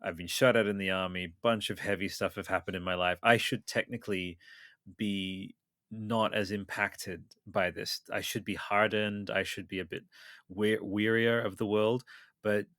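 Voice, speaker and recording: A man's voice: fairly low pitch, fairly even intonation, normal speed, fairly bright tone, no room sound, studio quality. A man in his thirties hosting a podcast, chatting eagerly and rambling with lots of fillers. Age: 30s. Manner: enthusiastic, rambling with many fillers. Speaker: podcast host. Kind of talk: casual chat.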